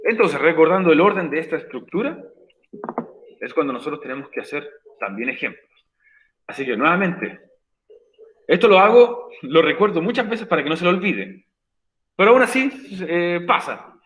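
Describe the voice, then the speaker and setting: Guy teacher explaining grammar in a virtual class, patient, says things twice, kinda high pitched. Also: big pitch swings, moderate pace, long pauses, fairly bright tone, poor audio. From Chile. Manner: patient, repeats points for emphasis. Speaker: English teacher. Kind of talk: recorded online class explanation.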